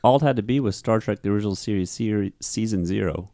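A man co-hosting a casual podcast, joking and animated as he chats with friends. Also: on the low side, fast, vocal fry, dry recording, clean studio sound. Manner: joking, animated, slips into mocking voices. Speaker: podcast co-host. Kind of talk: casual chat.

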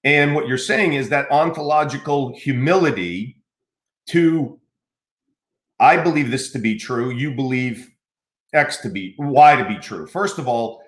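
A middle-aged American man hosts a podcast, speaking earnestly in a casual interview with many restarts. His medium-pitched voice is a little slow, and the room sounds echoey.

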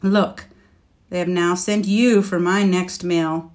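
A woman voicing a proud, scornful male dragon, speaking slowly and forcefully with contempt. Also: fairly low pitch, steady tone. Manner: slow, forceful, contemptuous delivery. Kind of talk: storybook reading.

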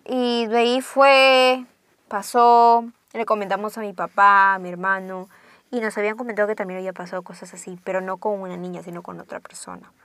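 A young woman, casually telling a ghost story and dropping to hushed tones for suspense. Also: mid-range voice, little pitch movement, fairly quick, dry recording.

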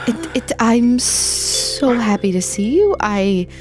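A woman's voice: a little high, lively intonation, slow pace, music in the background. A woman playing her character in a tabletop game, hesitant and stammering, soothing another character. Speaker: player. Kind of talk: in-character tabletop role-play.

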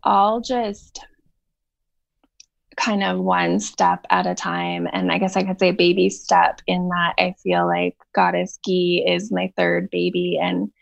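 A woman guest talks slowly, with a heavy vocal fry. She hesitates and restarts often. The audio is dull and lo-fi, recorded dry. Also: lowish voice, flat delivery, no echo. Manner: slow, hesitant, halting. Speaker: podcast guest. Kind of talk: casual interview chat.

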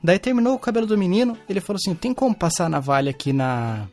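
A man's voice: sits high, sing-song, quick pace, darkish tone, faint music behind. A young man in casual chat, telling an anecdote with slangy fillers.

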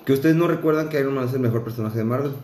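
A man sits in a casual group chat, arguing his points and spelling words out slowly. His voice is mid-pitched, and the room rings with echo under a faint hiss. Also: a little mellow. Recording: echoey room, faint noise.

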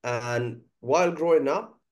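Measured and thoughtful, with many "uh" pauses, a man of medium pitch and a somewhat mellow tone talks during a conversational podcast interview. He is a guest musician and teacher from India whose first language is Bengali.

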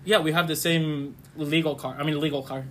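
Halting, slightly high-voiced man. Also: fairly even intonation, fairly bright tone. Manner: halting, with restarts, laughs along. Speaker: podcast co-host. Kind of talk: casual podcast chat.

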